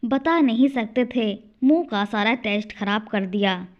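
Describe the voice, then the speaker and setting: A woman's voice: fairly high pitch, measured pace, muffled recording, lightly acted. A woman voicing a cruel young daughter-in-law who scolds and sneers at her elderly in-laws. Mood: scolding. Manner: scolding, contemptuous.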